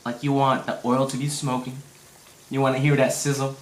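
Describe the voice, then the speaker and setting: A man who is a chef, casually explaining cooking steps in a halting, step-by-step way. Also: mid-range voice, level tone. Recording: echoey room.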